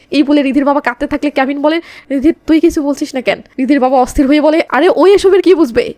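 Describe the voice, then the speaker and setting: A woman's voice: high voice, darkish tone, no echo. A woman recapping a movie in a chatty storytelling way, with playful asides. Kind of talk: casual storytelling narration.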